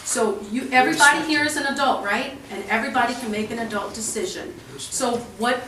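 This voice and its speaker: A woman's voice: on the high side, recorded from a distance, background noise. A woman administrator speaking firmly and measuredly to student protesters, with frequent restarts. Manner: measured, firm, repetitive restarts. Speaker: university administrator. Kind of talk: tense negotiation with protesters. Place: indoor stairwell. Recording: echoey stairwell, recorded from afar.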